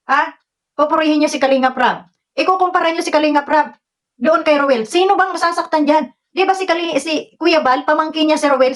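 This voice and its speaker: A woman's voice: high-pitched, a bit bright. A woman vlogger ranting at online critics, scolding and confrontational, firing off rhetorical questions. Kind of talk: angry rant to online critics.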